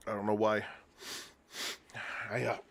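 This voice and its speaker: A man talking through his gameplay stream in a relaxed, rambling way. His voice sits somewhat low, and his nose sounds blocked. He keeps clearing his throat as he eats between sentences. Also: a little slow. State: stuffy nose, eating while talking. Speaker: game streamer. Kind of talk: casual gameplay commentary.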